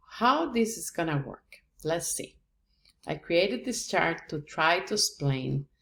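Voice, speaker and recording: A woman from Rica, teaching a patient, step-by-step language lesson. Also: low-pitched. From Costa Rica. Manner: patient, explains step by step with examples. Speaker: Spanish teacher. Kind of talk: slow, deliberate language lesson.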